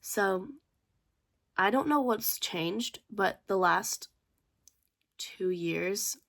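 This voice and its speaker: A woman's voice: medium pitch, drawn-out words, creaky, a bit bright. Congested young woman, Australian-American accent. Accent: mix of Australian and American. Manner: rambling, many "like" fillers, drops into whispers. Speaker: vlogger. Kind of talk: casual chat to camera.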